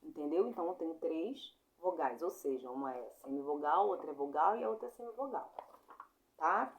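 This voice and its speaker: A young Brazilian woman giving a casual online grammar lesson, chatty and informal, apologizing often and spelling sounds out slowly. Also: low voice, lively intonation, a little hiss or hum. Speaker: Portuguese teacher.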